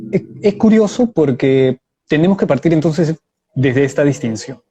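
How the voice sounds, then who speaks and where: A man with a slightly high, husky, mellow voice and lively intonation responds in a live online debate held over video call. As a guest, he walks through his view step by step, measured and explanatory, with examples.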